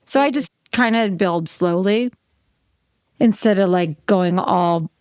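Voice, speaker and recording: A woman's voice: mid-range voice, takes it slowly, a little mellow, smooth, dry recording, studio quality. A woman co-hosting a podcast, chatting casually with a Jersey accent and telling stories. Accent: New Jersey. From New Jersey. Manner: chatty, storytelling, quotes herself. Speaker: podcast co-host. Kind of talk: casual chat.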